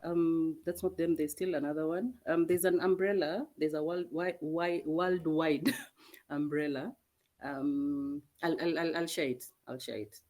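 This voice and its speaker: Woman, medical specialist on a video-call panel; mellow, hesitant, measured delivery. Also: sits low, steady tone. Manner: measured, many hesitant ums, soft-spoken. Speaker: dermatologist guest. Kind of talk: answering questions in a webinar panel.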